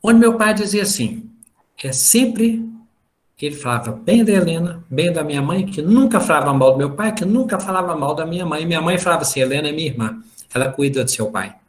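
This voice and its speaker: A man's voice: on the high side, lively intonation, fairly quick. A middle-aged man giving an informal spiritual talk over a video call, telling family stories and acting out the dialogue. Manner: storytelling, acts out family dialogue. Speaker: lecturer at a spiritist study group.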